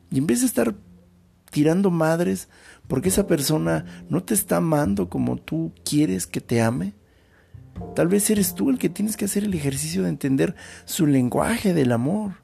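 A man's voice: high voice, vocal fry, warm tone. A Mexican man hosting a podcast, talking through a casual, thoughtful monologue with slangy asides. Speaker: podcast host. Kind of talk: reflective monologue.

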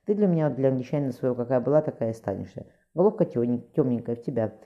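A woman's voice: rumbling low, animated, quick pace, dark tone, lo-fi sound. A man voicing a caring middle-aged mother who also acts as a midwife, firm and soothing.

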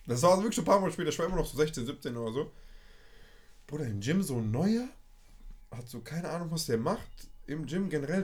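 Young man telling a story, slangy. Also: on the high side. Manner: animated storytelling full of street slang. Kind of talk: casual chat.

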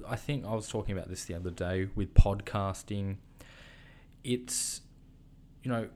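An Australian man hosting a casual podcast in a rambling, halting, informal way. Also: low voice, a little hiss or hum. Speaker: podcast host. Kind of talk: casual podcast introduction and interview.

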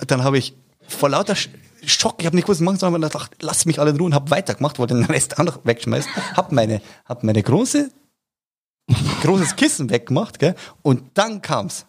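A young man tells a funny story among friends, breaking into laughter and restarting his sentences. His pitch rises and falls a lot, and his voice is a little husky. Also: moderate pace. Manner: laughs often, restarts, animated. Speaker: storyteller in group chat. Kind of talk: casual chat, telling a funny story.

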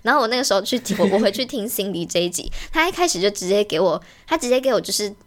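A young woman, co-hosting a podcast in casual chat, giggly and animated. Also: mid-range voice. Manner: giggly, animated, quick to mimic friends. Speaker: podcast co-host.

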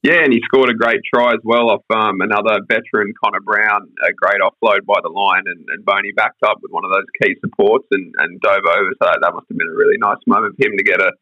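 A lowish-pitched Australian man co-hosts a sports chat. He is slangy and matey as he rattles through player stats. The sound is close and dry, a little dull and lo-fi. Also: steady tone, quick pace, few pauses, no echo. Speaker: rugby league podcast host. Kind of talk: casual sports discussion with stat rundowns.

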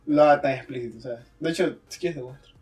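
A man's voice: fairly high pitch, fast talker, darkish tone, husky, faint music behind. A young man co-hosting a casual podcast, answering with sarcastic, teasing comebacks. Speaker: podcast co-host. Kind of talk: casual joking chat.

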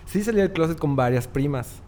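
A man's voice: on the high side, lively intonation, brisk, a little mellow, a little hiss or hum. A young man with a Mexican Spanish accent, telling a personal story in a casual chat and laughing often. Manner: chatty, laughs often, acts out quoted voices.

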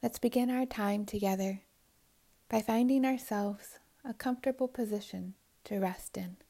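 Leading a guided meditation, this woman speaks soothingly and without hurry in a mid-range voice. Her phrases trail off softly and breathily, with long pauses in between.

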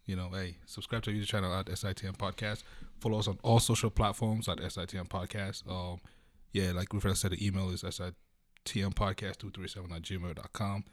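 A man's voice: deep voice, flat delivery, quick pace, no echo. A man co-hosting a podcast, easygoing and friendly, saying "man" often. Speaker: podcast co-host. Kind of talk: casual podcast outro.

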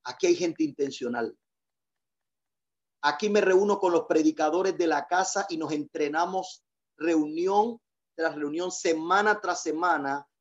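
A man's voice: on the high side, measured pace, lo-fi sound. A male pastor preaching a sermon, leading call-and-response and repeating key phrases for emphasis.

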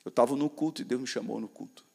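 A man with a Brazilian Portuguese accent preaching to young people, using repetitive call-and-response and swinging from loud declarations to soft storytelling. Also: mid-range voice, fast, creaky. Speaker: preacher at a youth gathering. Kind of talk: sermon.

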